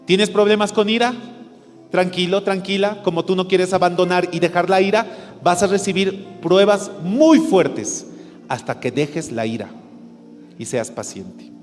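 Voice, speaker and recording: A Bolivian man preaching a sermon in a fairly high voice, putting questions to his congregation and answering them himself. His voice carries a long echo through the church hall, with faint music underneath. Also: measured pace. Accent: Bolivian Spanish. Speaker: pastor.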